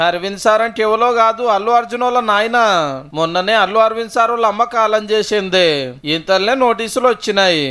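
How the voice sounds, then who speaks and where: A man with a very high voice delivers satirical news commentary in a Telangana Telugu accent. He teases and mocks in a loose, colloquial way, as if he were chatting with the people in the story. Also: fast talker, bright, forceful tone, clear, resonant tone. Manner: mocking, teasing, colloquial.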